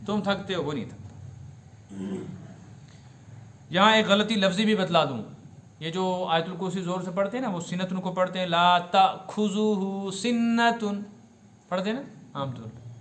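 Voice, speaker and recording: بلند آواز، گونجتا ہوا کشمیری لہجے والا بزرگ مفتی. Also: male voice, high-pitched, fairly bright tone, echoey room, a little hiss or hum. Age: older. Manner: explanatory, asks the audience questions and repeats Arabic words slowly. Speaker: mufti teaching Quran commentary. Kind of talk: religious lesson.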